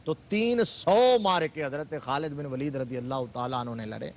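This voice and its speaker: A man, a religious scholar guest on a TV studio program, retelling history with fervor and rising emphatic stresses. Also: medium pitch. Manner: fervent, building to emphatic exclamations. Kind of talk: religious TV discussion, storytelling.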